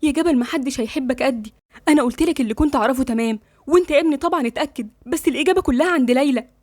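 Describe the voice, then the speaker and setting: A woman's voice: sits high, rapid-fire, a little mellow, no room sound, studio quality, close to an everyday voice. A woman with an Egyptian accent voicing a sulking, possessive middle-aged mother who scolds insistently. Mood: scolding.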